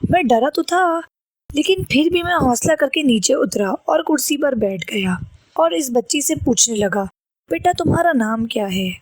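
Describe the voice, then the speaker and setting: High-voiced woman reading a horror story. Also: animated, dry recording. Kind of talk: scripted audiobook narration.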